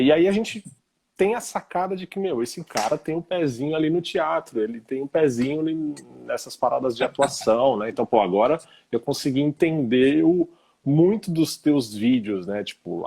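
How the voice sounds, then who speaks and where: A man's voice: medium pitch, moderate pace, creaky, darkish tone, breathy edge. A man who teaches singing, hosting a live stream and chatting informally with lots of slang fillers over a video call. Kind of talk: casual chat.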